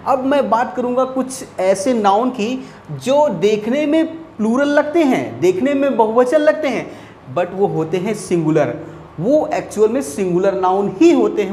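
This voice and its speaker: A man teaching English grammar in Hindi, who repeats each rule and reads English example sentences slowly in an Indian accent. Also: high voice, expressive, darkish tone. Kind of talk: Hindi-medium grammar lesson. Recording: echoey room, faint background hiss.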